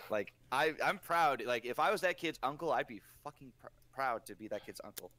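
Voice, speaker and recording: A man's voice: medium pitch, lively intonation, moderate pace, bright, forceful tone. A man chatting casually on a podcast, telling stories with enthusiasm. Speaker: podcast co-host. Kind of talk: casual chat.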